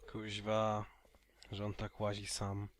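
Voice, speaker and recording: A man's voice: lowish voice, completely flat delivery, a little slow. A man giving casual gameplay commentary, muttering and mildly cursing as he goes. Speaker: gaming streamer.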